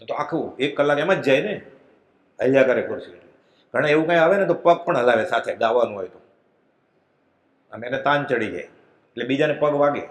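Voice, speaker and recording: A man's voice: mid-range voice, moderate pace, pauses often. A middle-aged man gives a conversational religious discourse, explaining with everyday anecdotes. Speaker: spiritual discourse reader. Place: prayer hall. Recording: echoey hall.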